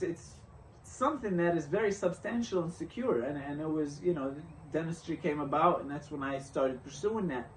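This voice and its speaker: A young man from Syria talking through a reflective motivational vlog, halting and restarting often as he thinks aloud. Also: a little high, distant mic, a little hiss or hum. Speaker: vlogger. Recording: roomy echo, off-mic, faint ambience.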